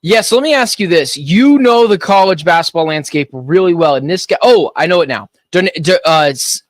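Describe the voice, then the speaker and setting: This animated, opinionated man co-hosts a sports betting radio program, slipping in fast joking asides as he speaks into a studio microphone. His pitch is on the high side, with no room sound.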